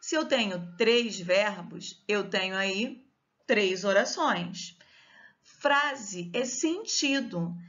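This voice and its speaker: A woman's voice: medium pitch, animated, very slow, a bit bright, lo-fi sound. A woman teacher with a Brazilian Portuguese accent giving a grammar lesson and explaining step by step. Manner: explains step by step, checks with students.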